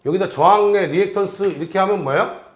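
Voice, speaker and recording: A man's voice: sits high, fast, roomy sound. A man teaching an exam-prep lecture, working through problems and constantly asking his students questions.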